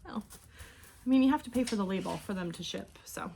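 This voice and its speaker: A woman in her forties talks in an easy, rambling way as she packs up orders at home, often losing her thread and picking it back up. Her voice sits at an ordinary middle pitch. A clear hiss of noise runs under the home recording. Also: fairly quick, warm tone. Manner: rambling and chatty, often trails off. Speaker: online clothing reseller. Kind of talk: casual vlog chat while packing orders.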